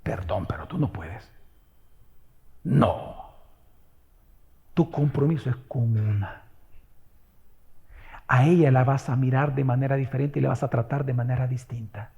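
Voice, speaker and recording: A man's voice: mid-range voice, normal speed, long pauses, warm tone, big-room sound, muffled recording. A male pastor preaching a sermon in a church, questioning the congregation and driving his points home with emphasis. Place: church sanctuary.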